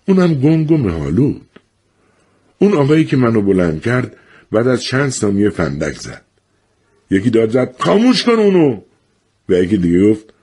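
A man telling a story in a lively way, acting out the other voices. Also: fairly low pitch, slightly rough. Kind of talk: storytelling narration.

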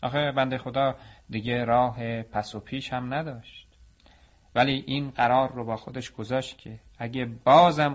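A male storyteller narrates a folk tale and now and then speaks directly to his listeners. His voice sits at a medium pitch. The recording is muffled and lo-fi. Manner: addresses listeners warmly as dear ones.

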